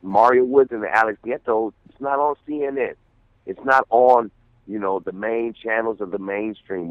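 A low-voiced man calls in to a radio interview, speaking earnestly and circling back over his words as he thinks. The sound is thin and tinny like a phone line, and very dry. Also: no echo. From San Francisco, USA. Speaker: guest artist.

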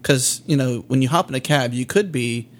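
A man's voice: medium pitch, moderate pace. Easygoing male podcast co-host. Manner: easygoing, many fillers. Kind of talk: casual podcast conversation.

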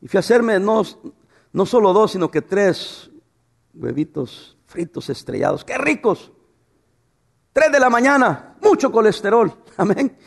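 A man's voice: high voice, lively intonation, unhurried, creaky. A man preaching a sermon, asking rhetorical questions and telling humorous stories about his wife. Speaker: pastor.

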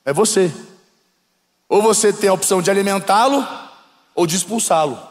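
A male bishop with a Brazilian accent preaching and telling a story with lively drama, often questioning the congregation. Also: sits high, moderate pace, in a large hall. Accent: Brazilian Portuguese. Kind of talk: sermon storytelling. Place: church.

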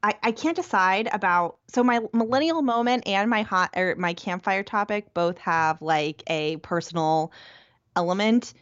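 A woman hosts a podcast in an easygoing, upbeat way, her speech full of little fillers. Her voice is smooth and a touch low. The recording sounds dry and somewhat dull. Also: moderate pace, a bit bright, dry recording. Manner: upbeat, chatty, with frequent fillers. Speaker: podcast host. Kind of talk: casual podcast chat.

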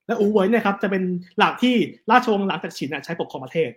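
Guy rattling off history stories, high voice, talks really fast. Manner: animated, fast storytelling with quick asides. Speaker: guest storyteller on history. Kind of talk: casual history chat.

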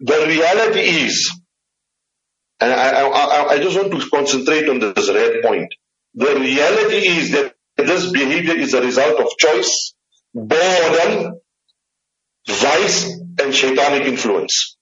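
A man's voice: medium pitch, animated, measured pace, a bit bright. A man, an Islamic scholar, giving a religious lecture with slides in an emphatic way, repeating key phrases. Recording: roomy, dull lo-fi room recording.

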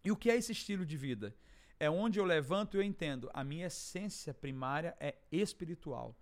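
High-voiced Brazilian man telling a dramatic story. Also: lively intonation, a little fast. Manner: dramatic, acts out dialogue, swings from hushed to shouting. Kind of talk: animated testimony storytelling.

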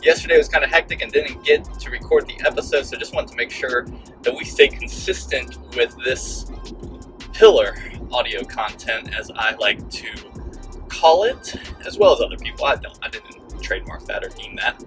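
A middle-aged man hosting a casual coaching podcast on the go, talking in a halting, rambling way with emphatic repetition, through a poor cheap mic. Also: mid-range voice. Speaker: podcast host, real estate broker. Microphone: low-quality portable mic. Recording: poor cheap mic sound, faint music.

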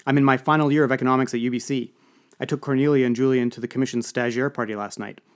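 A man's voice: mid-range voice, steady tone, fast talker, natural voice. A man voicing a bubbly, enthusiastic young female intern who is athletic and breezy.

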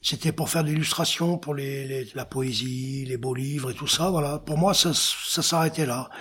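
Medium-pitched, a bit bright and breathy, a middle-aged man talks at a moderate pace in an interview about his work as an artist, engraver and painter. Senegal-born with an African childhood, he searches for words and frequently repeats phrases.

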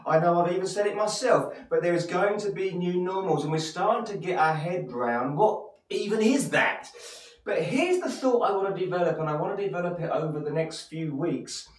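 A man's voice: high voice, animated, moderate pace. Male pastor, Essex accent, encouraging sermon delivery with rhetorical questions, distant mic in a reverberant room. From Essex, England. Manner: encouraging, addresses listeners directly with rhetorical questions and repeated phrases. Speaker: church pastor. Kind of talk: motivational sermon. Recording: echoey room, distant microphone.

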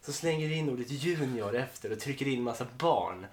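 A man's voice: mid-range voice, lively intonation, a little hiss or hum. Chatty podcast man in an echoey room. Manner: chatty, swears freely, laughs often. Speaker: podcast co-host. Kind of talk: casual chat.

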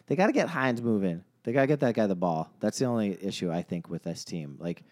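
A man's voice: fairly low pitch, expressive, fast talker, a little mellow, no room sound, studio quality. A man co-hosting a casual sports betting chat, wry and teasing as he gives his picks. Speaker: podcast co-host.

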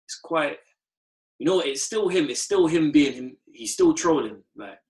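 Animated young Londoner bantering in slang. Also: male voice, fairly high pitch, unhurried, rough recording. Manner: questioning, slangy. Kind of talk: casual banter.

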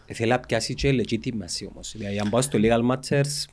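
A man's voice: mid-range voice, darkish tone. A man with a Cypriot Greek accent, chatting casually as a podcast co-host. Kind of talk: casual chat.

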